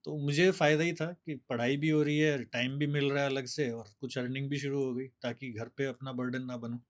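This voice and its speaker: A man, a bodybuilder guest telling his story in a steady, explaining way. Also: mid-range voice, moderate pace. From Delhi, India. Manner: steady, explanatory, mixes English words. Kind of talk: casual interview storytelling.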